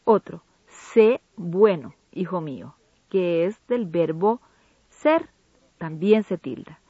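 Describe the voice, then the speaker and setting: A woman co-hosting an educational radio program, reading a Spanish grammar lesson in a measured, didactic way. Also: on the low side, very animated, mellow, husky, no echo. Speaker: co-host of a language program. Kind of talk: scripted educational radio narration. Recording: dull lo-fi broadcast audio.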